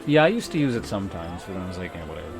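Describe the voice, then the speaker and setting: Casual male gamer over clear music. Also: low voice, big pitch swings, very fast. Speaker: game streamer. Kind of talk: casual playthrough commentary.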